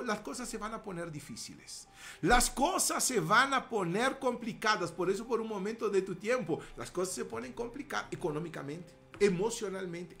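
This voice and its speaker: A man preaching a sermon with emphasis, swinging between hushed asides and loud declarations and calling the congregation to repeat after him. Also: high-pitched, vocal fry, a little hiss or hum. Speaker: pastor.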